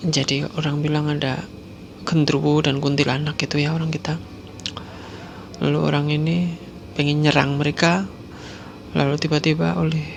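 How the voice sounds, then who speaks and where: A man's voice: on the high side, vocal fry, a bit bright, slight background noise. A man telling a horror story and talking directly to his listeners, often dropping to a whisper. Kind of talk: spoken horror story narration.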